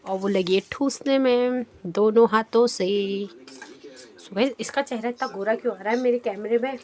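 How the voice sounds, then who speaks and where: A woman's voice: on the high side, normal speed, darkish tone. Chatty young woman vlogging at home. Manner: chatty, teasing, addresses viewers as guys. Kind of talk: casual home vlog chat.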